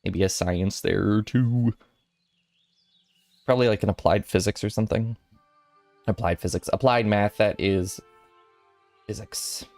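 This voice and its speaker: A man's voice: on the low side, steady tone, normal speed, gravelly, long pauses, a little mellow, no room sound, soft background music. A young man in his twenties chatting casually with viewers on a stream, rambling and playful with giggly asides. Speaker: VTuber streamer.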